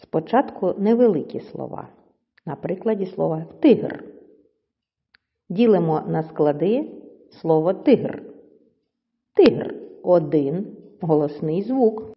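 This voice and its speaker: A woman's voice: on the low side, lively intonation, a little slow, big-room sound, muffled recording. A woman teaching young children, patiently stretching words out syllable by syllable.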